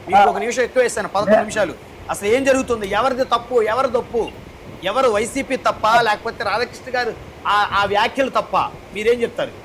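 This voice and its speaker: A man anchoring a TV debate talks very quickly in a high voice. He keeps time, hands over the floor and reins in the panelists briskly. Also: fairly bright tone, a little hiss or hum, poor audio. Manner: brisk, tries to restore order. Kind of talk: moderating a TV debate.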